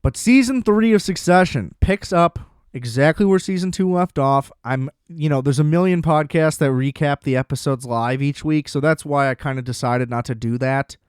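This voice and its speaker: A man hosting a solo podcast, chatting casually about TV in an excitable, profane, rambling way. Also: on the high side, normal speed, smooth, no echo, studio quality. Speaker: podcast host.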